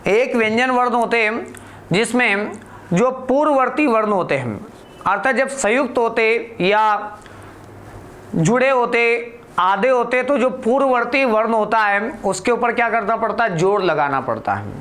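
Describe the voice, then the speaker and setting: A man teaching a grammar lesson for exam students in a slow, deliberate way, putting questions to the class and answering them himself. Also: very high-pitched, lively intonation, fairly bright tone.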